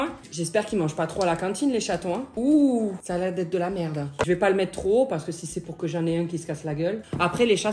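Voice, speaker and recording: Woman vlogger, rapid chatter, lowish voice, crude self-mocking jokes, home vlog. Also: darkish tone, slight background noise. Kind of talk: casual vlog chat.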